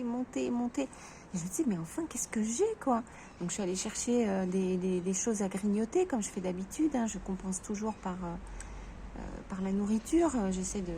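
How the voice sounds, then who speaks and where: A woman in a personal vlog, talking to viewers in a halting way, stammering and restarting her sentences. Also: mid-range voice, warm tone, a little hiss or hum. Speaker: vlogger.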